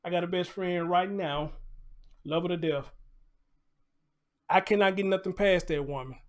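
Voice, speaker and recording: High-pitched and moderately paced, an American man runs a laid-back live commentary show. He chats in a conversational way, repeating phrases, posing rhetorical questions and dropping in asides like a preacher.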